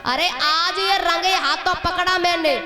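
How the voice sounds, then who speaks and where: A woman's voice: very high-pitched, unhurried, pitched above the performer's own voice. A woman voicing an indignant young village milkmaid, scolding and insistent. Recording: live gathering with crowd noise.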